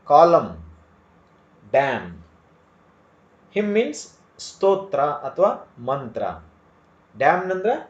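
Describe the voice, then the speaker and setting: A man with a Kannada accent teaching English pronunciation, speaking slowly and repeating each word to drill it. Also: fairly high pitch. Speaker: English tutor. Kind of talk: slow spoken English lesson. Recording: echoey room, dull lo-fi sound.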